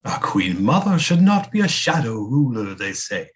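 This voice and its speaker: An actor uses a mid-range voice at a moderate pace, lightly acted, for an audio play character: a flattering, theatrical male seer and physician to a queen. His delivery is grand, courtly, and dramatic.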